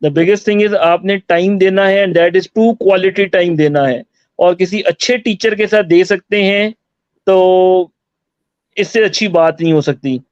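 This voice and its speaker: A man's voice: high voice, slow pace, a little mellow, clean tone, no echo, muffled recording. A man who teaches IELTS answers interview questions, explaining step by step and switching into English phrases. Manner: explanatory, mixes Hindi-Urdu with English phrases.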